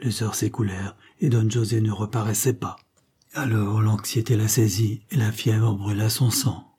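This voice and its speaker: A man narrating a classic adventure novel in an even, scripted storybook reading. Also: lowish voice, moderate pace, slightly rough. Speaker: audiobook narrator.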